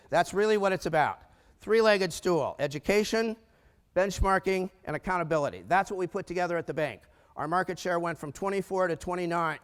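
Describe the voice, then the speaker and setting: An older American man giving an energetic conference talk on business finance, with rhetorical questions and humorous asides. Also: a little high. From United States. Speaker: keynote speaker on business finance. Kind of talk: conference presentation. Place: large conference room. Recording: echoey hall reverb.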